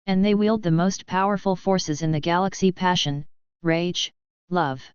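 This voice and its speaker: A woman's voice: on the low side, steady tone, a little slow, darkish tone, smooth, dry recording, natural voice. Darth Vader, cold and commanding, read by a woman. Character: cold armored dark lord, adult man. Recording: slightly dull, dry recording.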